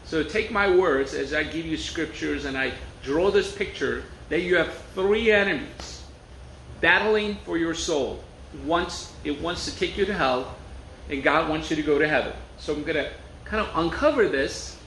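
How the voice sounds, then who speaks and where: At a moderate pace, the Turkish preacher spins his sermon like a conversation full of stories and rhetorical questions. He speaks on the high side with some brightness, in an echoing space with light noise.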